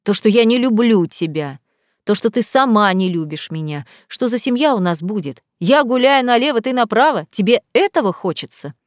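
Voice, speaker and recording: A woman voicing an angry young groom who talks in harsh, low, menacing tones in an audiobook. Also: lively intonation, moderate pace, no room sound, clean studio sound, close to an everyday voice. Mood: bitter. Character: angry young man, bitter and contemptuous groom.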